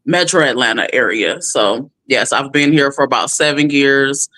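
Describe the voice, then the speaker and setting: Speaking at normal speed with a very deep voice, this woman in her thirties from California shares her story openly as an interview guest. She animates it by performing the quotes herself, and there's no echo in the sound.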